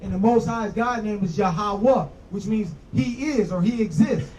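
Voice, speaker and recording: Recorded from afar on a street with faint outdoor noise, a man preaches and argues insistently, instructing and restating his points again and again. He speaks at normal speed in a high-pitched, slightly mellow voice.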